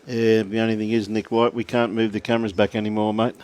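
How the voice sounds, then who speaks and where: A man with an Australian accent commentates live on a lawn bowls match in a chatty way, joking, laughing often and reading out viewer messages. His voice is on the low side, quick, a little mellow, clear and resonant, with little pitch movement.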